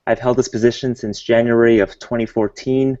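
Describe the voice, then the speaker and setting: A man from the Bay Area, a guest on a video call panel, who speaks in a steady, matter-of-fact way. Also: medium pitch, a little fast, no room sound. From San Francisco Bay Area. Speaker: associate conductor. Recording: dry, muffled video call audio.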